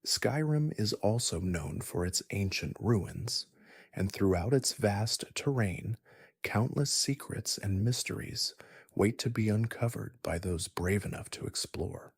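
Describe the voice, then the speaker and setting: Soft, whispery, low-creaking man narrating for sleep. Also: expressive, no echo, clean studio sound. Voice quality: breathy, husky, partly whispered. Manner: slow, gentle, soothing delivery.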